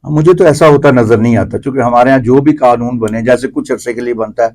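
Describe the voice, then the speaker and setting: Speaking in a mid-range, slightly mellow voice, this middle-aged Pakistani theatre commentator offers his views as a guest in an interview. His explanations run long, and he often circles back to the same phrases conversationally.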